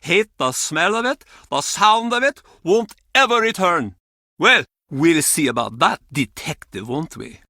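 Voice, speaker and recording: In video game character acting, a man with a fairly high voice plays a gruff, bitter Icelandic ex-sailor, a cranky and menacing pub regular. His delivery is heavily acted, brusque, mocking, and theatrical, bitter and brooding, with lively intonation at a measured pace. The tone is pushed and bright, with no echo.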